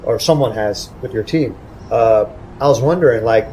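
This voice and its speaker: A man co-hosts a podcast in casual chat, feeling his way into a question. He talks hesitantly and fills his pauses with many fillers. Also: medium pitch, dark tone, a little hiss or hum, low-quality recording.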